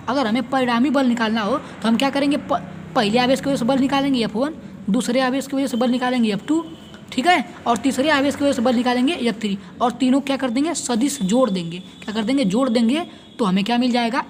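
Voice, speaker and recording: A man's voice: extremely high pitch, a little hiss or hum. A male physics teacher giving a board-exam lesson with diagrams. He repeats each point, asks and answers his own questions, and keeps checking in with the students.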